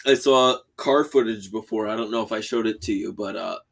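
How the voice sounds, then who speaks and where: Young guy cohosting a podcast, gravelly voice, swears a lot, gets hyped. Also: fairly low pitch, fairly quick. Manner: profane, excitable banter. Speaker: podcast co-host. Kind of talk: casual chat.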